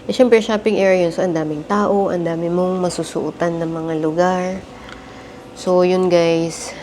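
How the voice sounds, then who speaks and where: A woman's voice: fairly low pitch, fairly even intonation, measured pace, warm tone. A woman filming a family travel vlog, narrating casually to camera and chatting with her viewers as she shows a hotel laundry room and a convenience store. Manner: chatty, keeps addressing viewers as guys. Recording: noisy handheld vlog audio.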